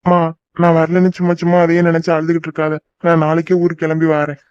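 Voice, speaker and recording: A woman doing a low-voiced earnest young son. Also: little pitch movement, quick pace, a little mellow, clear, resonant tone, dry recording, natural voice. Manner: earnest, reluctant. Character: dutiful young working son, homesick. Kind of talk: cartoon voice acting. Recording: dull lo-fi dry recording.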